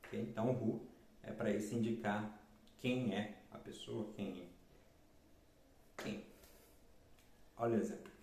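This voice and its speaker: A man teaching English, repeating key words and reading the example sentences slowly. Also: on the low side, fairly even intonation, a little mellow. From Brazil. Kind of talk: explaining English lessons in Portuguese. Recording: roomy echo.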